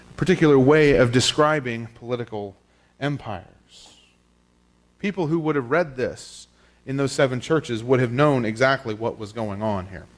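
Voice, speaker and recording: Man preaching at a pulpit microphone. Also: medium pitch. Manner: explanatory, conversational with fillers. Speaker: pastor. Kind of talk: teaching sermon. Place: church sanctuary.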